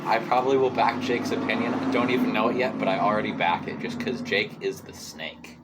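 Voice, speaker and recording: Deadpan teen guy, low-ish voice. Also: brisk, very noisy. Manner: blunt, deadpan jokes. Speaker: podcast guest. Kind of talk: casual chat.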